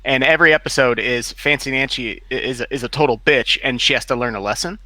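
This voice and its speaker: A man's voice: mid-range voice, quick pace, bright, forceful tone, dry recording. An American man hosting a podcast, joking along in casual chat. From United States. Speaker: podcast host.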